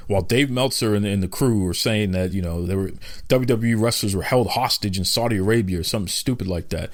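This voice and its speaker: Lower-pitched man chatting as host. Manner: chatty, rhetorical questions. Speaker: podcast host. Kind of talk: casual wrestling news chat.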